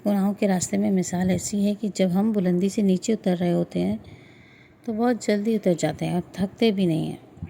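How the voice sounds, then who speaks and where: A woman narrating an emotional first-person story in a steady, earnest way. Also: medium pitch, vocal fry, a little hiss or hum.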